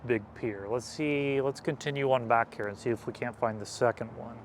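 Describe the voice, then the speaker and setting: A man hosting an on-location vlog, explaining things casually as a guide outdoors on a trail, with a steady drone of traffic. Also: medium pitch, normal speed. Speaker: vlog host and explorer guide.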